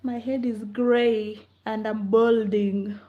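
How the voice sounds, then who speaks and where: On a livestream with dull lo-fi audio, a woman chats casually as host, answering comments with playful teasing and frequent laughter. Her voice is on the high side, delivered flatly at a slow pace.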